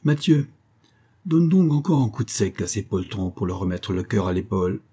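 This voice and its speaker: A man doing a gruff convict leader. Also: on the low side, sing-song, moderate pace, dark tone. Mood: scornful. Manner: curt, imperious commands.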